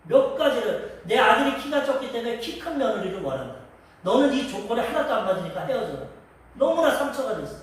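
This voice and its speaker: High-voiced man preaching in an echoey hall. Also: sing-song, a little fast. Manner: storytelling, acting out quoted dialogue. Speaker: pastor. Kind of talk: sermon. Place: church sanctuary. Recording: echoey church hall from a distance.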